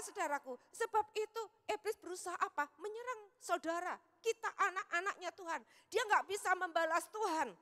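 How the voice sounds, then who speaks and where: Woman pastor preaching, javanese accent, keeps calling saudaraku, loud then soft, echoey church hall. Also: high voice. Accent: Javanese Indonesian. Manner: calls out "saudaraku" constantly, swings between loud and soft. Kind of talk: sermon.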